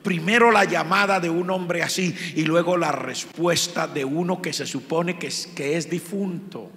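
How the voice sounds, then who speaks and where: A man's voice: fairly high pitch, normal speed, fairly bright tone. A man with a Colombian accent preaching a sermon as pastor, impassioned and emphatic, driving points home by repetition. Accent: Colombian Spanish. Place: church sanctuary. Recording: long church reverb.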